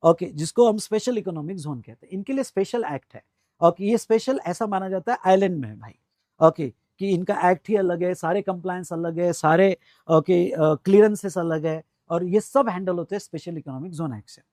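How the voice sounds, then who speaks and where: A man's voice: sits high, a little mellow, dry recording, clean studio sound. Emphatic Indian man lecturing. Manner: emphatic, drills key phrases slowly and repeats them; addresses students directly, calls for answers. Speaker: tax lecturer. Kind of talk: classroom lecture mixing Hindi and English.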